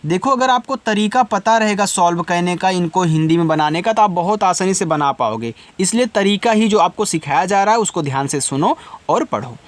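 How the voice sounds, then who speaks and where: High-voiced man teaching English spelling. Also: expressive. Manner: spells letters slowly then explains patiently, asks and answers himself. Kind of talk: Hindi-language spelling lesson.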